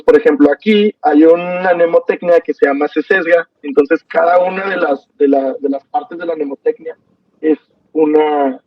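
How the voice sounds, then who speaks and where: A man's voice: on the high side, no room sound, far from the mic. Young man teaching poetry on a call. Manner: relaxed, hesitant, many fillers and restarts. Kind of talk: online class lecture. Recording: dull, dry sound from off mic.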